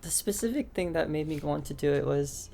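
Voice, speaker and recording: Her low voice is gravelly and mellow, with lively intonation and a fairly quick pace, plus a little hiss or hum. She's a young woman aspiring to teach, answering a podcast interview casually but hesitantly, peppered with "like" and "um."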